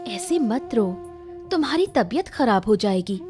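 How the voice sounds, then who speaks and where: A woman's voice: fairly high pitch, big pitch swings, a little slow, music in the background. A woman doing a kind, soothing young village woman. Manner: soothing, reassuring.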